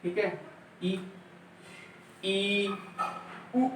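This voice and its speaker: A man's voice: high-pitched, flat delivery, very slow, recorded from a distance. A male teacher giving an exam-prep lecture, repeating points and drilling sounds aloud for his students. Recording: echoey room, voice from afar, faint noise.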